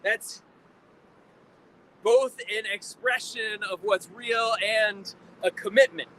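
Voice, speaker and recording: A man giving an impassioned protest speech like a preacher, emphatic and deliberate, repeating phrases for effect. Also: sits high, steady tone, pushed and bright. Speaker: preacher, rally speaker. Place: outdoors at a rally in town. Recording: noisy outdoor urban recording, faint traffic.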